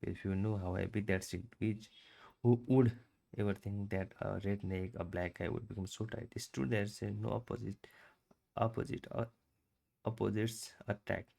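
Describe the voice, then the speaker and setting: A man reading a book aloud for his channel, in a halting, stumbling way with restarts. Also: on the low side, fairly even intonation, vocal fry, dark tone.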